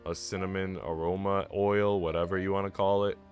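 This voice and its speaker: Low and flat in delivery, with a darkish tone and a fairly quick pace, a man streams live while mixing relaxed chat with viewers and reading story text aloud. Music can be heard behind him.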